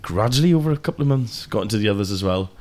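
A man's voice: lowish voice, very fast. Man, twenties, South Welsh accent, podcast guest, laid-back, hesitant. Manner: relaxed, hesitant with ums, laughs easily. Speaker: guest musician. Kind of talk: casual podcast chat.

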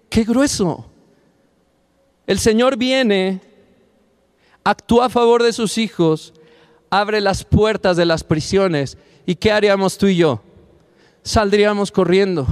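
A man preaching a sermon, speaking straight to the listener and building to passionate near-shouts on key phrases. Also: sits high, clean tone.

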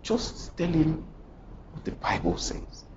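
Brief: a man giving a low, whispery, solemn divine voice, muffled sermon sound. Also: huge pitch swings, measured pace, vocal fry, noisy background, heavily acted. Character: hushed commanding divine male voice.

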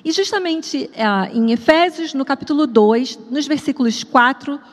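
A woman's voice: high voice, expressive, normal speed, long reverb tail. A woman with a Brazilian Portuguese accent preaching a sermon, talking to the congregation directly in a conversational, storytelling way. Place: church sanctuary at an evening service.

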